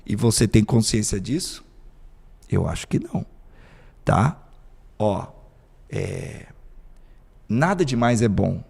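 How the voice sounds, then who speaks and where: A man's voice: lowish voice, big pitch swings, slow pace, vocal fry, long pauses, darkish tone, husky, in a large hall. A man hosting a parenting podcast, speaking emphatically with frequent rhetorical questions. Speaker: psychoanalyst host. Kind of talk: podcast discussion.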